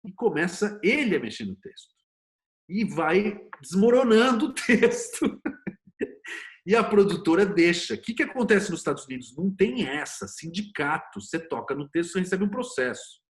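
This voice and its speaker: A Brazilian screenwriter and series producer, appearing as an interview guest, speaks in a high-pitched voice at a moderate pace. He explains things conversationally and with strong opinions, telling stories animatedly, acting out quotes and throwing in rhetorical questions.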